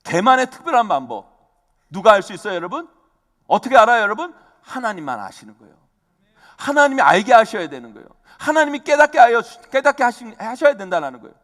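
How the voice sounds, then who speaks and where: A middle-aged man preaching a sermon as pastor, animated, calling out to the congregation again and again. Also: high voice, fast talker. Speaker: senior pastor. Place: church sanctuary. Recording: long reverb of a church hall.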